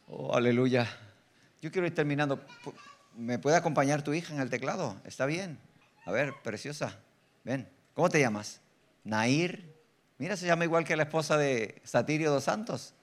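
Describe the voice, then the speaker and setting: A man with a Puerto Rican accent preaching an animated sermon as a guest preacher, teasing the congregation and swinging between loud bursts and quiet asides. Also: mid-range voice. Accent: Puerto Rican Spanish. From Puerto Rico. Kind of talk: lively sermon. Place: church sanctuary.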